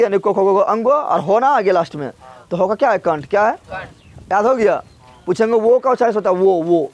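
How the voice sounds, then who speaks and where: A man teaching a grammar class, drilling syllables aloud and quizzing and scolding his students. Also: high-pitched.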